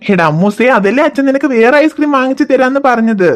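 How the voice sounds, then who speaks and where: A gentle, patient cartoon father, voiced by a woman coaxes his crying child with soft reassurance. The voice sits a little high and stays calm and steady. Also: fast talker, a little hiss or hum. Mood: soothing. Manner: soothing, coaxing, reassuring. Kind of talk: cartoon voice acting.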